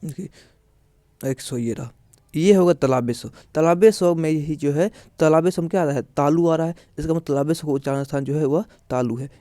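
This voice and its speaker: A man teaching a classroom grammar lesson, his voice pitched a little high yet soft and warm in tone. He explains step by step, repeating himself and asking questions he then answers. The sound is dry, with no room echo. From India. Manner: repetitive, explaining step by step with filler phrases.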